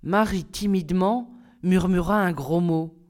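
A woman narrating a children's story in a clear, measured reading voice. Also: fairly low pitch, a little mellow. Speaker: reader.

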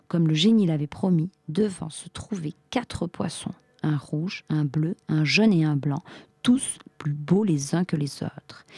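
A woman narrating a fairy tale in a calm, even storytelling manner. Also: low voice, breathy edge, dry recording, clean studio sound.

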